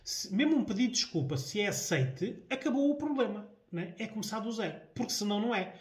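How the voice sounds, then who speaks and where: Hesitant Portuguese man in an echoey room. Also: high voice. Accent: European Portuguese. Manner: hesitant, repeats words, frequent rhetorical "não é?". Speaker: host. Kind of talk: solo talk on relationships.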